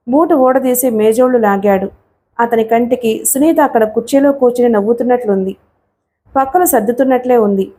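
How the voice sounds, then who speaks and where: A woman calmly narrating an audiobook story in a steady storytelling manner. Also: on the high side. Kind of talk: scripted narration.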